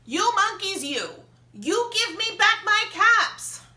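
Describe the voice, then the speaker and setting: A woman voicing a male street peddler in a children's storybook, with loud, drawn-out hawker's delivery. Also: very high voice, very animated, voice pushed up, full character voice. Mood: angry, scolding. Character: male street cap peddler, proud and easily angered. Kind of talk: preschool storybook read-aloud. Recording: echoey room with faint noise.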